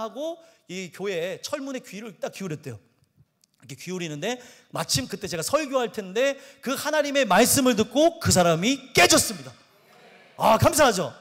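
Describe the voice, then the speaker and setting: A man's voice: high-pitched, a bit bright, in a large hall. A male pastor telling a humorous story in a sermon and acting out the people in it. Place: church sanctuary.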